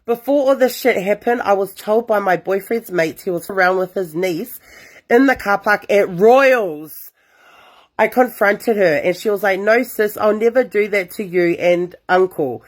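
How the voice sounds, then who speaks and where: A woman's voice: mid-range voice, measured pace. A young woman, reading listener confessions aloud as host and reacting with sassy asides. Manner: animated, sassy asides between read stories. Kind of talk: casual storytime reading with reactions.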